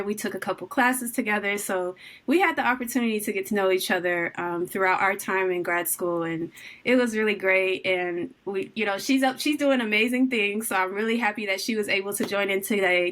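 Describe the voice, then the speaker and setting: A woman's voice: medium pitch, fairly bright tone. Upbeat young woman hosting an interview. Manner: upbeat, enthusiastic. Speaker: channel host, interviewer. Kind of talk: casual interview intro.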